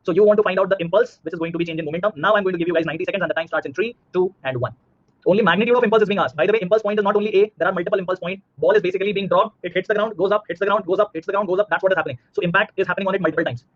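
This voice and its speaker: Racing along with a voice that sits high, this thirties-aged Indian-accented man leads a physics class online and live. He restates points, quizzes listeners on whether they follow, and sounds a bit muffled.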